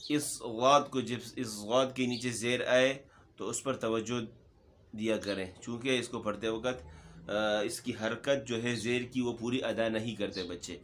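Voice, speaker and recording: A man teaching Quran recitation, briskly and patiently explaining pronunciation rules to learners. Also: medium pitch, a bit bright.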